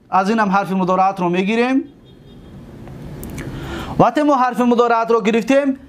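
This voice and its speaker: Tajik-accented male teacher, high-pitched, repetitive drilling, frequent comprehension checks. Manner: repetitive, drills word forms syllable by syllable; checks understanding with rhetorical questions. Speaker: teacher of Arabic morphology. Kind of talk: classroom lesson.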